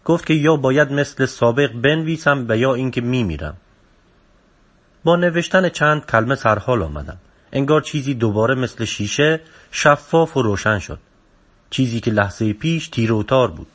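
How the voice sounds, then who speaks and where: A man reading a book aloud as a narrator, with a steady, subdued delivery. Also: mid-range voice. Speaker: audiobook narrator.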